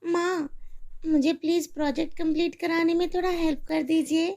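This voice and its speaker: Woman voicing a soft, pleading little cartoon girl, high and polite. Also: flat delivery, moderate pace. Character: meek young schoolgirl daughter, polite and pleading.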